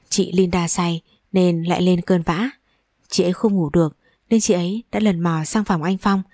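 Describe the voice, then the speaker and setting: A woman narrating a first-person audio story in a calm, even reading voice. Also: lowish voice, no echo, clean studio sound.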